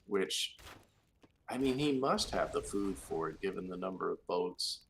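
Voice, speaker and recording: A man co-commentating a live strategy game match, relaxed and analytical, thinking aloud. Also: sits low, a little slow, vocal fry, a little hiss or hum.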